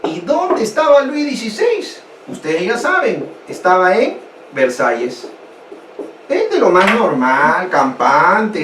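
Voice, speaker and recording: A man from Peru teaching a history lesson online, asking his students rhetorical questions in an animated way. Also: fairly high pitch. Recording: echoey room, distant mic, faint noise.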